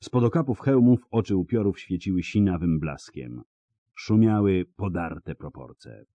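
Deep, dark-voiced male audiobook narrator. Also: measured pace, no room sound, dull audio. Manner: dramatic, expressive storytelling.

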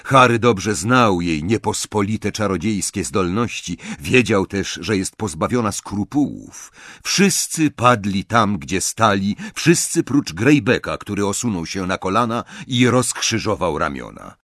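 Slow, expressive male audiobook narrator. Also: fairly low pitch, dry recording, clean studio sound. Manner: measured, dramatic reading.

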